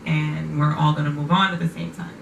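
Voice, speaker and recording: Deep and a bit creaky, the woman's voice barely moves in pitch and runs slightly fast as she hosts a laid-back talk show, frequently agreeing with and repeating her guest's words. The audio comes from a distant mic in a reverberant room, with noticeable noise.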